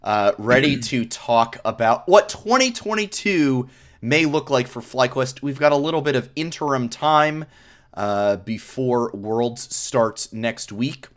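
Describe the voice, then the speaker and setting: Male host for a casual gaming stream; measured, slow pace, playful tone. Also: mid-range voice, animated, a bit bright. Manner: joking, laughs often. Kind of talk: casual esports stream chat.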